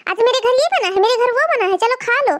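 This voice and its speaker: A woman plays a young, newly married daughter-in-law in a cartoon, flustered and fed up. Her voice is very high, almost childlike, and she fusses and complains as she talks to viewers. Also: brisk, fairly bright tone. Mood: fretful. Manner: fretful, exasperated, talks to viewers. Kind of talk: cartoon comedy voice acting.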